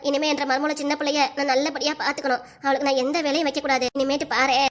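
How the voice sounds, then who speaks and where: A woman's voice: high-pitched, level tone, quick pace, lightly acted. A woman voicing a fussy, talkative older mother-in-law in a cartoon, with a southern Tamil accent. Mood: bossy. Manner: emphatic and talkative.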